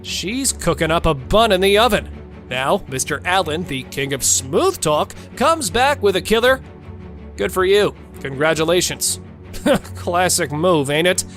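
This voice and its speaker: A man with a fairly high voice narrates a court show recap. He is theatrical and mocking, full of slang, over faint music. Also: animated, a little slow, fairly bright tone.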